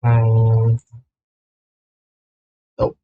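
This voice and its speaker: With a mid-range voice and a completely flat, extremely slow delivery, a man livestreams his game setup over phone-quality sound. This gamer VTuber's casual chat is scattered, full of repeated phrases and self-interruptions.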